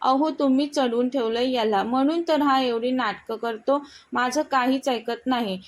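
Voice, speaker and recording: A young wife and mother scolds fondly and gets exasperated, read by a woman narrator. Her voice sits somewhat high. She reads in a storybook manner. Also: steady tone, normal speed, natural voice. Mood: annoyed.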